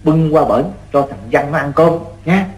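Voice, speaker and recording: In a roomy, echoing space with music, a man with a slightly high, darkish voice acts lightly at a moderate pace, playing a fussy but kind-hearted middle-aged rural father in an old-style radio drama. He speaks with a Southern Vietnamese accent and instructs gently, barking folksy, exclamatory orders and repeating himself as he gives them.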